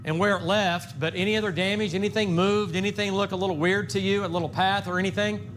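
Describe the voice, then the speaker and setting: This American anchor, high-pitched and steady in tone, covers severe weather live at a quick pace. He improvises with folksy emphasis and repeated phrases, against noticeable background noise.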